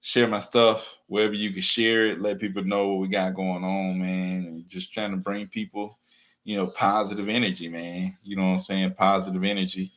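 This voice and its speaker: A man's voice: low voice, level tone, moderate pace, a bit bright. A man talking casually and earnestly to camera, encouraging viewers and filling his speech with "man" and "you know what I'm saying". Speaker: teacher and real estate wholesaler vlogger. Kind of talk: casual motivational talk to camera.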